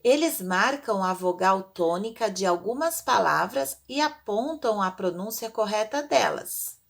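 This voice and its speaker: A woman's voice: medium pitch, animated, measured pace, gravelly. A woman teaching a recorded class lesson, patient and drawing out her example words.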